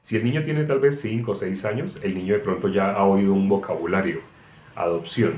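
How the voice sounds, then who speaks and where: Low-voiced man teaching a Bible lesson. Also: a little fast, darkish tone. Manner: explains through an extended example, frequent "eh" hesitations. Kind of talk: sermon-style Bible teaching. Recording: roomy echo, faint background noise.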